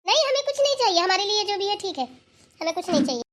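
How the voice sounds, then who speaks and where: A woman voicing a bossy old village grandmother, very high voice. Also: very animated, fast talker, a bit bright, full character voice. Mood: firm. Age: older. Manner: scolding, then coaxing and teasing. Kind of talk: cartoon voice acting.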